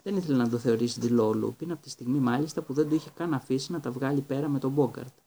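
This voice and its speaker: A man reading a Greek audiobook in a steady, even storytelling manner. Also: mid-range voice. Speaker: audiobook reader. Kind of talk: audiobook narration.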